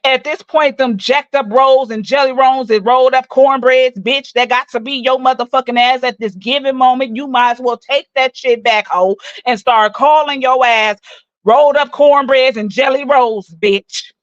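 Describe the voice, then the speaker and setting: A woman's voice: high voice, fairly even intonation, normal speed, no room sound. Foul-mouthed woman in her forties roasting someone. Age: 40s. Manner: profane, mocking, loud insults. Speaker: livestream host. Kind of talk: angry roast rant. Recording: dull dry lo-fi recording.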